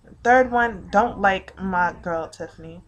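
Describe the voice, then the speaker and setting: A young woman tells a story about her day straight to the camera in a casual vlog. She swears freely. Her voice jumps from loud, heated bursts down to low, mumbled asides, at a pitch in the middle range for a woman. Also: unhurried, muffled recording. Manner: profane, animated, swings between loud outbursts and quiet muttering. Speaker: vlogger.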